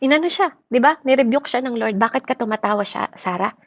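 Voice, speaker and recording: A woman preaching a sermon in an animated way, often turning to her listeners with "di ba?" Her voice sits on the higher side. The recording is dry and dull, in muffled lo-fi sound. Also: fast talker, dry recording. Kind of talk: Taglish sermon.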